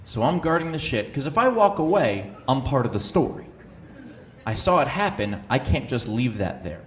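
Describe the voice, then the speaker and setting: A man telling a comic story on stage, switching between quiet asides and loud outbursts. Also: mid-range voice, sing-song, moderate pace, reverberant, slight background noise. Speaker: stand-up comedian. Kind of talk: stand-up storytelling. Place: comedy stage before a live audience.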